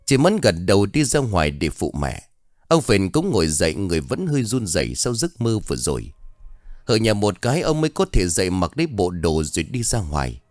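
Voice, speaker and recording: A man's voice: on the low side, very animated, brisk, darkish tone, no echo, clean studio sound. A man narrating a horror story in a dramatic, tension-building way.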